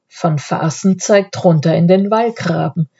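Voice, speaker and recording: A woman narrating a children's story in a calm, measured way. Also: on the low side, husky, dull audio. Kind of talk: audiobook reading.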